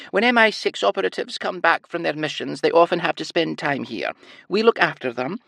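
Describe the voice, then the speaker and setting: A man voicing a small, elderly, cheery Scottish woman nurse who talks in a high sing-song and leans on certain words. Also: creaky, fairly bright tone, no room sound, studio quality, heavily acted.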